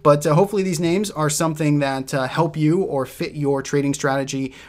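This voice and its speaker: A man's voice: a little high, fairly even intonation, brisk. A man with a Boston accent hosting a chart walkthrough, talking casually and loosely as he thinks aloud with frequent restarts. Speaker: host presenting stock trade ideas.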